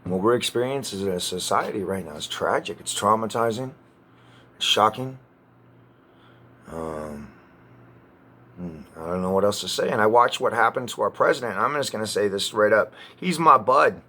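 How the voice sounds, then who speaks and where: A man ranting to camera in an agitated, profane way, often halting and restarting. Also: lowish voice, animated, bright, forceful tone. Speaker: vlogger.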